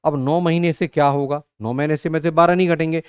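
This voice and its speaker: This man teaches reasoning online, stepping briskly through exam-prep arithmetic while questioning and answering himself and calling his students "beta." He has a slightly high voice with a steady, clean tone, recorded at studio quality with no echo.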